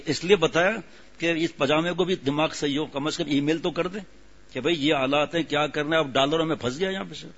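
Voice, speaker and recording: A man preaching an informal sermon, telling stories in a conversational, scolding and joking way and reciting verses slowly. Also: fairly high pitch, fairly bright tone. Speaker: religious preacher. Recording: dull lo-fi radio recording.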